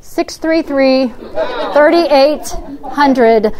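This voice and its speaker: A woman's voice: high voice, drawn-out words, a little mellow. Talkative woman explaining to parents. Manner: explanatory, practical, many fillers. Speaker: early childhood educator answering parents. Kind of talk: Q&A talk to parents.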